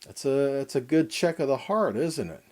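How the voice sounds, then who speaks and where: A Bible teacher with a mellow, relaxed yet husky voice gives a weekly Torah portion lesson at normal speed. His pitch moves expressively with dramatic stresses on key words as he reads scripture. He emphatically puts pointed rhetorical questions to listeners.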